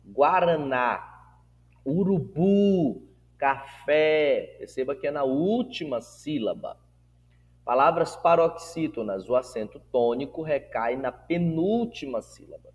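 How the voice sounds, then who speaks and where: A male teacher giving a recorded lesson, slowly drawing out each syllable as he models a word. His voice sits at an ordinary middle pitch, and it carries a long, lingering reverb as if he were speaking in a large hall. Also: lively intonation. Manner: slow, drawn-out syllables when modelling words; asks the class rhetorical check-in questions.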